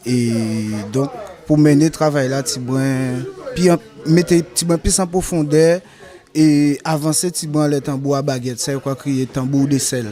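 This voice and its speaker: A man from Guadeloupe with a Guadeloupean Creole accent, speaking halting French mixed with Creole turns of phrase as a carnival group's artistic director. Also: on the high side, level tone, dark tone. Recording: faint music behind.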